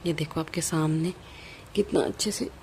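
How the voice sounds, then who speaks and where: A woman's voice: deep voice, steady tone, normal speed, noisy background. A young woman chatting casually through a home vlog. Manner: chatty, coaxing a toddler with playful repetition. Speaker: vlogger.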